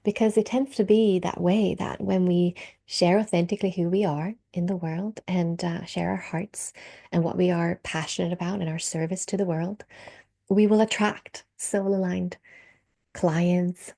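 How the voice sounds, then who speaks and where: A woman in her thirties with a Swedish accent tinged with American and Australian English, speaking as a podcast host in a gentle, reflective way that trails into soft breathy asides. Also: lowish voice, steady tone, a little slow. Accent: Swedish, mixed with American and Australian English. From Sweden. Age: 30s. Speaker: podcast host and birth work mentor. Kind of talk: personal podcast monologue.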